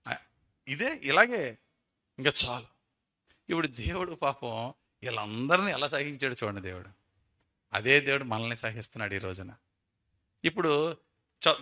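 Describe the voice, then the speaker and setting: A man preaching a sermon, animated, acting out the voices of people in his story. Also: mid-range voice. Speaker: pastor.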